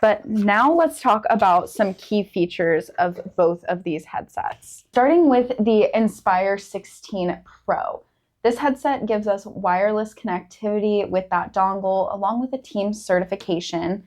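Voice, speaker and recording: A woman's voice: medium pitch, a little slow, darkish tone. A woman hosting a product review in a casual presenting style.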